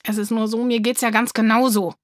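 A woman's voice: fairly high pitch, little pitch movement, fairly quick, no room sound, clean studio sound, lightly acted. Woman doing a patient, coaxing dad. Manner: coaxing, reasoning. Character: patient loving father, gently firm.

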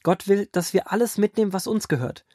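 A man voicing a steady, earnest prophet who answers a king firmly in a children's Bible audio drama. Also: high voice, a little fast, no room sound, clean studio sound, voice pushed up. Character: firm steady male prophet leader.

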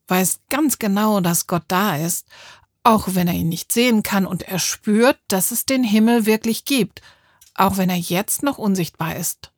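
A woman giving a calm, explanatory devotional reading. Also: mid-range voice, no echo, studio quality.

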